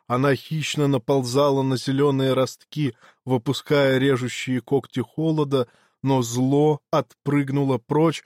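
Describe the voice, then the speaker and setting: A man reading a first-person audiobook story in a steady, measured way. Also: mid-range voice, no echo, studio quality. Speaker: audiobook narrator.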